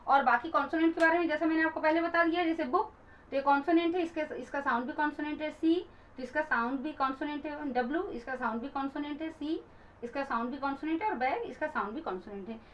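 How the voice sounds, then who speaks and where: A woman's voice: high voice, quick pace, a little hiss or hum. A woman teacher patiently explaining grammar to viewers, calling them friends and switching into English example sentences. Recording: dull lo-fi recording.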